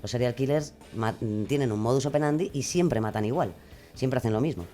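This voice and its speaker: A woman from Spain, a podcast creator appearing as an interview guest, speaks informally in a notably low, mellow voice. She thinks aloud haltingly, stopping, restarting and correcting herself as she rewords her explanations.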